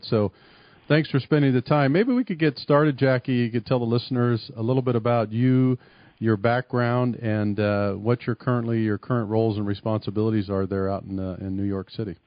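A man's voice: on the low side, steady tone, fairly quick, dry recording, muffled recording. A man hosting a radio show near San Francisco, asking long, rambling questions of a guest. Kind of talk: interviewing a guest.

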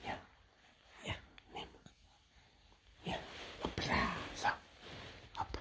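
An older man, a grandfather whose first language is Romanian, talking baby talk to his infant grandchild, cooing and sing-song and often sinking into a soft whisper. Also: very slow, very noisy.

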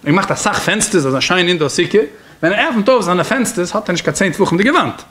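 A man with a Yiddish accent giving a Torah lecture as a rabbi, in a talmudic singsong with sudden swings in pitch. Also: animated, quick pace, fairly bright tone.

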